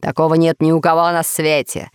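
A scheming lord of monsters brags in a calm, low, unhurried voice, as a woman reading the story puts him on. He savors every menacing detail. There is no room sound at all. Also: clean tone, no echo, clean studio sound, close to an everyday voice. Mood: smug, boastful. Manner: calm, boastful. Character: boastful scheming male villain, lord of computers.

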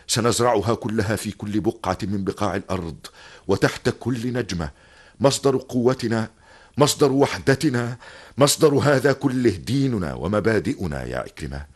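Solemn, resolute army commander. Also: male voice, fairly low pitch, husky. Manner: solemn, declamatory. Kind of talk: classical Arabic historical drama acting.

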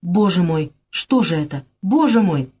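A woman reading the part of a rash young gentleman who speaks in an agitated, blunt way. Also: lowish voice, lively intonation, measured pace, breathy edge.

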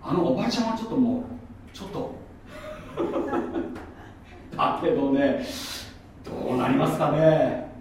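Lively chatty pastor in an echoey hall. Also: male voice, a little high, a little fast, background noise. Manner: chatty, mocking asides, lively storytelling. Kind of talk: sermon. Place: church hall. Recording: echoey room from far off.

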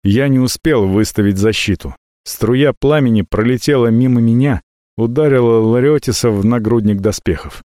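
A man reading a fantasy audiobook aloud with expressive, dramatic narration. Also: medium pitch, normal speed, dry recording, studio quality.

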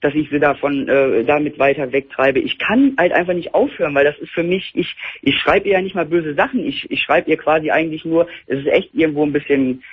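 A man's voice: on the high side, fairly even intonation, brisk, hardly any pauses, slightly rough. A man calling in to a radio show, speaking hesitantly and sheepishly, stumbling over his words. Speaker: caller. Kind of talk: phone-in call. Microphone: telephone. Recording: muffled phone line.

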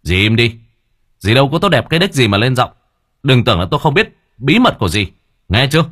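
A man voicing a blunt, hot-tempered young man who speaks gruffly and sternly. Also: medium pitch, big pitch swings, a little fast, a bit bright, pitched above the performer's own voice. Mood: angry.

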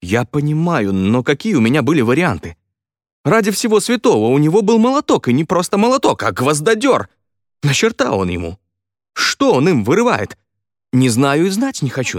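Guy reading as a flustered young builder, kinda higher voice, rambling excuses, dry close sound. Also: dry recording. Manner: rambling, excuse-making storytelling.

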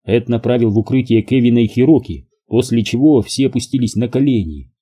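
Dark husky male audiobook narrator. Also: mid-range voice, brisk.

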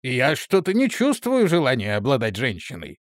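A man's voice: mid-range voice, huge pitch swings, moderate pace, no room sound, clean studio sound. A man voicing a touchy, boastful male onion-headed medic robot in an audiobook reading. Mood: cocky.

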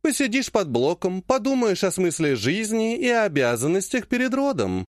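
A man voicing a powerful woman clan head who speaks in a slow, honeyed yet threatening way. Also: high-pitched, huge pitch swings, no echo, studio quality, voice pushed up. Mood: honeyed menace. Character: sweetly menacing older woman clan head.

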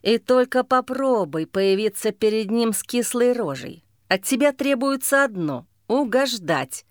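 A woman's voice: on the high side, animated, unhurried, no room sound, clean studio sound. Woman putting on a snarling drunk brute of a brother. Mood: threatening. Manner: snarling, threatening, crude. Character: drunk brutal older brother, menacing and coarse. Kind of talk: audiobook character voice.

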